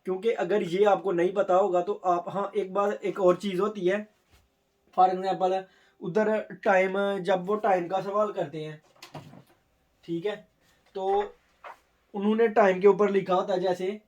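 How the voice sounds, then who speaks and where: Man, Urdu native, casual tutor, higher voice, repeats key words, sounds out words slowly. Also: level tone, a little mellow. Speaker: Korean test tutor. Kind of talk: casual spoken lesson.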